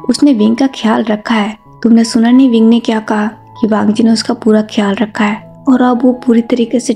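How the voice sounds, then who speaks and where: A woman's voice: fairly high pitch, warm tone, lightly acted. A woman voicing a protective mother who scolds insistently out of worry. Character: stern worried mother, protective and quick to anger.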